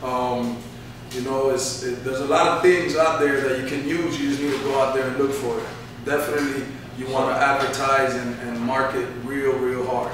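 A barbershop owner in his thirties sits for an interview indoors at his shop, giving earnest motivational answers sprinkled with "you know." His medium-pitched, fairly bright voice stays level at normal speed. A camera mic across the echoey room picks him up from afar, with a little hiss or hum.

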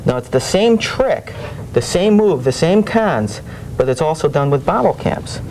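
A man's voice: lively intonation, measured pace, a little mellow. Young man with shell game hustler patter. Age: young adult. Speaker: magician demonstrating street swindles as a guest. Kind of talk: demonstration patter and explanation. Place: small TV studio set, indoors, at a table. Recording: noisy old videotape with low rumble.

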